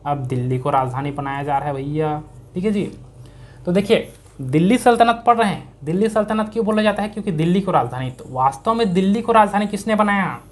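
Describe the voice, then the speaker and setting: On the high side in pitch, this man delivers a conversational exam-prep history lesson with a Chhattisgarhi-tinged Hindi accent. He asks and answers his own questions, repeating key words to stress them.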